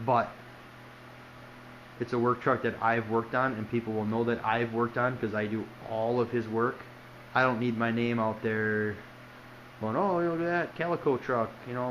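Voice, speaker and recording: A man's voice: medium pitch, fairly bright tone, lo-fi sound, slight background noise. A man casually talking through a truck repair plan in his garage workshop, rambling and candid with lots of ums. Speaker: auto body shop owner. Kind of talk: casual walkaround vlog.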